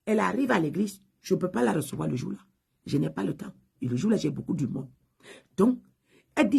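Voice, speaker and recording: A woman pastor preaching a sermon, telling a testimony with loud high exclamations and low hushed asides. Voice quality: husky.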